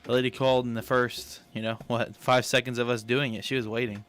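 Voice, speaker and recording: A man's voice: medium pitch, level tone, brisk, fairly bright tone. A man co-hosting a live local radio show, chatting casually. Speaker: radio co-host. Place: radio studio.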